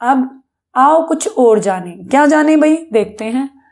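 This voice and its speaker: A woman's voice: high-pitched, animated, slow, a little mellow. A woman teacher giving a patient grammar lesson to children, often asking questions and answering them herself. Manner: patient, addresses pupils as beta, asks and answers own questions.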